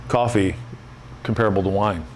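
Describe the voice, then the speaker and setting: Deep-voiced man in a casual interview. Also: normal speed, a little hiss or hum.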